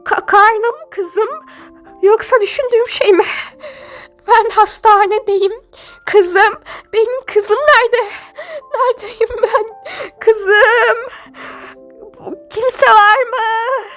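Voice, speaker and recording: A woman's voice: very high voice, steady tone, slow pace, long pauses, a bit bright, faint music behind, pitched above the performer's own voice, heavily acted. A woman voicing a poor young mother giving birth, tearful and pleading, in a Toca Life role-play. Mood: frantic crying.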